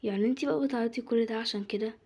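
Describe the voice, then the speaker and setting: A soft-spoken, caring young man with an Egyptian accent, as a woman puts him on in a homemade drama. He talks quickly and reassuringly, and his voice sits a little high. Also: breathy edge. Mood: tender. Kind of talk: amateur voiced home drama.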